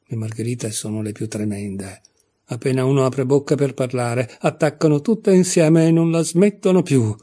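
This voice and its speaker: A man's voice: medium pitch, normal speed, warm tone, slightly rough, lightly acted. Man playing a haughty tiger lily. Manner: haughty, scolding. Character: proud, touchy tiger lily flower.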